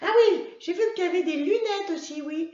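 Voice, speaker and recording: Woman playing a high, squeaky little schoolgirl, eager, chatty, fillers, echoey room. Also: fairly quick, lo-fi sound. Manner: squeaky, excited, full of hesitant fillers.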